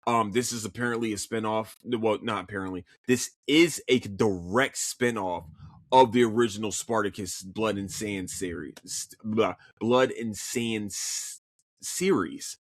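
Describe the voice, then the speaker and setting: This is a fairly low-pitched man speaking at an unhurried pace, with no echo in the audio. He hosts a podcast by himself and casually chats about shows he's watched in a Philadelphia accent. Animated and freely cursing, he often restarts his sentences with stammered repeats.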